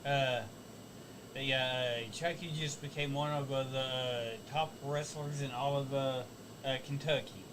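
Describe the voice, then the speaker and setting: Halting male co-host, full of fillers. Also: mid-range voice, little pitch movement, fairly bright tone, a little hiss or hum. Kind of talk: casual wrestling commentary.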